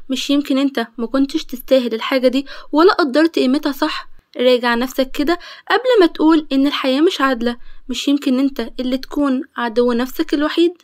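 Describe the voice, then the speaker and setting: A woman's voice: high voice, darkish tone. A woman with an Egyptian Arabic accent narrating a story, chatty and addressing her listeners fondly.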